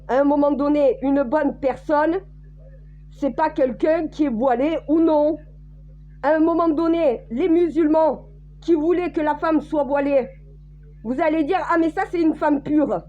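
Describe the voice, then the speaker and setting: Blunt high-voiced French woman, lo-fi. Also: a little mellow. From France. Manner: blunt and crude, addressing viewers directly. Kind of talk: casual monologue.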